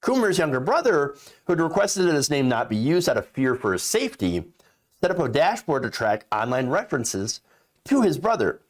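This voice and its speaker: An indignant man delivers political commentary in a fairly high voice for a male. His pitch swings in a lively way as he leans hard on key words, often repeating them. He sounds like a host arguing his opinion directly to listeners. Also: moderate pace. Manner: emphatic, indignant.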